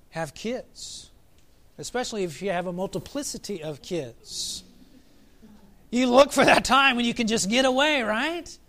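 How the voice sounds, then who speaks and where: A man preaching a sermon as pastor, reflective, asking his listeners questions and slowing down for emphasis. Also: high-pitched, fairly bright tone. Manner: reflective, asks the congregation questions, varies pace for emphasis.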